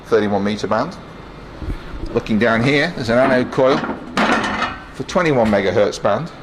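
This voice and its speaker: An engineer gives a casual technical tour inside a transmitter hall, explaining the equipment as he operates it in a plain-spoken, matter-of-fact way with dry asides. His medium-pitched voice is expressive and moderately paced, with machinery and air-cooling noise clearly audible.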